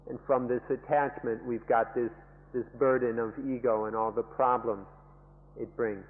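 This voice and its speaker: A man's voice: medium pitch, fairly even intonation, drawn-out words. A man interpreting a dharma lecture into English, emphatic, restating each point in several wordings. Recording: lo-fi phone-like archival tape with long reverb.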